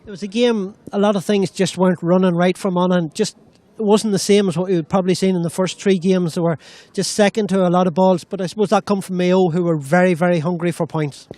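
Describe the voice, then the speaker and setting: A man's voice: high-pitched, fairly even intonation, fairly quick, mellow, dry recording. A man with an Irish accent interviewing after a sports match.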